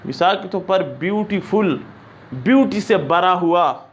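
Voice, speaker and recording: A man teaching an English grammar lesson, reading example sentences slowly and often checking that his students understand. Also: high voice, animated, slight background noise. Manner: explains in Urdu, reads English examples slowly.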